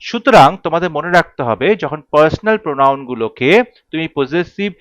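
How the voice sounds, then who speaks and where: A man's voice: a little high, expressive, fairly quick, a bit bright, no echo, dull audio. A man teaching an English grammar lesson, explaining rules step by step and repeating the key points.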